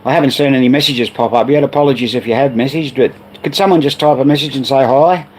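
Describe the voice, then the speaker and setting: A man's voice: medium pitch, quick pace, a little mellow, slight background noise, low-quality recording. An Australian man hosting a casual livestream about repairing old pinball machines, rambling with many fillers. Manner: rambling, reads viewer messages aloud.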